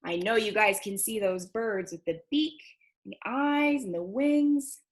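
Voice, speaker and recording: A woman librarian reads picture books aloud to children in an expressive, encouraging way, frequently asking her young listeners questions. Her voice sits at a medium pitch and she takes her time.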